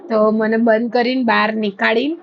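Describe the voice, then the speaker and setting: A woman's voice: on the high side, normal speed, highs cut off, slight background noise. A woman, chatting casually to camera in a storytelling way. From India. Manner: chatty storytelling, animated when retelling. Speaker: vlogger.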